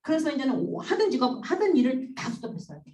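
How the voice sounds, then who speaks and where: Animated woman lecturer, roomy and distant. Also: high-pitched, fast talker. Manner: animated, acts out quoted voices. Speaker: psychology counselor and lecturer. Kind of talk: storytelling lecture.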